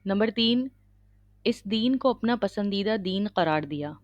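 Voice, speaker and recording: A woman giving a religious lecture, teaching in a measured way and checking in with her listeners. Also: medium pitch, lively intonation, dry recording, muffled recording. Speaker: Islamic lecturer.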